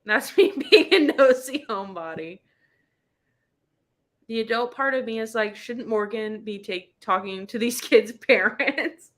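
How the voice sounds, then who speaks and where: A fairly high-pitched woman with a measured pace and a slightly bright sound hosts a book club live show. She chats casually in a playful, exclamatory manner with plenty of slang, spelling out internet abbreviations.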